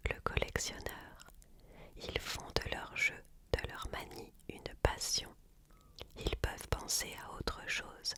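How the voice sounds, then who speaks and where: Slow, hushed library whisper, ASMR reading. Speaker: ASMR reader.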